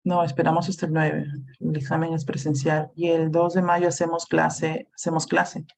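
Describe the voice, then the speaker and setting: A woman's voice: sits low, completely flat delivery, moderate pace, vocal fry, a little mellow, a little hiss or hum. A woman lecturing a university class over a video call, explaining steadily and checking in with the students as she goes. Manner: explains plainly, checks in with "¿no?", "¿sí?" and "este" fillers. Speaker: university clinical lab lecturer.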